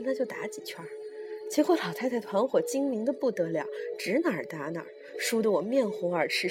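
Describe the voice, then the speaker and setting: A woman reading a story aloud in the first person, with a brisk and wry telling. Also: fairly low pitch.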